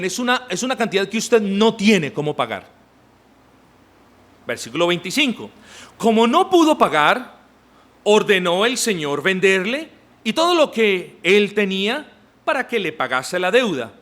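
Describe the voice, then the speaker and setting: A man's voice: high-pitched, sing-song, a little slow, fairly bright tone. A man preaching a sermon as pastor, talking emphatically and directly to his congregation. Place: church.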